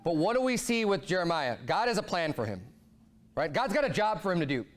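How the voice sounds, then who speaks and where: A pastor in his thirties preaches a sermon from the pulpit of a church sanctuary in a high, fairly quick voice. Animated, he lets his voice climb and drop a lot as he drives his points home.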